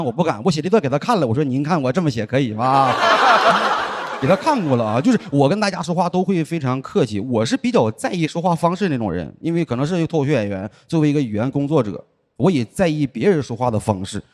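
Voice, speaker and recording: Man, stand-up comedian, deadpan storytelling, lively swooping pitch, noisy background. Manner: deadpan storytelling, acts out quoted people. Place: comedy show stage with live audience. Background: audience laughter.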